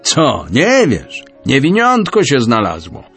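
A man's voice: mid-range voice, wildly swooping pitch, takes it slowly, slightly rough, soft background music, exaggerated voice. A man doing a snarling, bullying soldier. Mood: menacing. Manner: shouting, sneering. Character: rough angry male German soldier, threatening.

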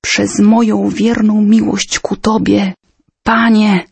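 A woman's voice: medium pitch, flat delivery, takes it slowly, gravelly, a little mellow, husky, no echo, exaggerated voice. A woman voicing an old, devout duchess in a nun's habit, praying fervently. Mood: imploring. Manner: fervent, imploring prayer.

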